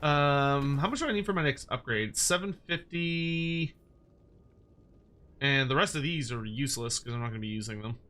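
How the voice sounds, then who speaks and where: A man's voice: mid-range voice, normal speed, sharp tone. A man giving casual, playful game commentary with wry asides, as a streamer talking to viewers. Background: music behind the voice.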